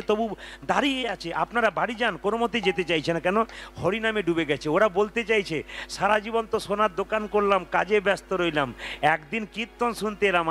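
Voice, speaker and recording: A man preaching between devotional kirtan songs, energetic and urging the crowd to chant along. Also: high-pitched. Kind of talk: devotional kirtan with spoken sermon and call-and-response chanting. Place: large outdoor devotional gathering with crowd. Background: folk music with tabla.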